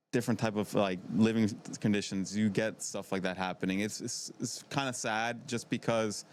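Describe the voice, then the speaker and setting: A fairly low, darkish-toned man in his twenties from Maryland chats loosely on a podcast, repeating himself as he rambles. He's a middle school PE teacher appearing as a guest, and there's noticeable background noise.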